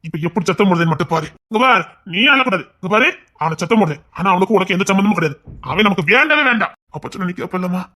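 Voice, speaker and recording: A man performing a comic family skit in a loud, bossy and dramatic way. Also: sits high, lively intonation, very fast.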